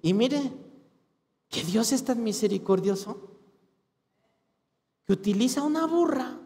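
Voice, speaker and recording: A man, a pastor with a Mexican Spanish accent, preaching a sermon in an animated, colloquial storytelling way. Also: very high-pitched, measured pace. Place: church hall. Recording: long hall reverb.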